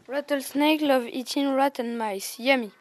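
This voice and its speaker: Schoolgirl as teasing pupil, school play, lively, high. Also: normal speed, natural voice. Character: pupil on a zoo trip.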